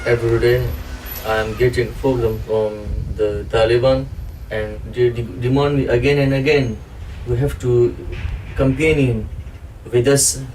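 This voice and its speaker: A man from Afghanistan giving a halting interview testimony in English, often searching for words. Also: mid-range voice, a little mellow, a little hiss or hum, low-quality recording. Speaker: refugee interviewee. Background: background music.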